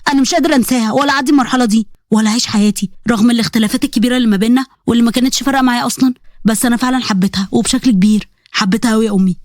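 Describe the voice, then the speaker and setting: A woman putting on a heartbroken young man, pleading and emotional in an Egyptian accent. He talks in a rush, the words tumbling out fast. The sound is dry and close. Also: on the high side, dry recording, lightly acted. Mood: distraught.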